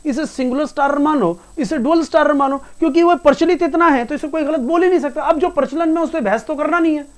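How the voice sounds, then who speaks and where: Talking at a quick pace in a very high-pitched voice, a male English teacher gives a lecture, patiently explaining, repeating himself, and referring to the students as "beta."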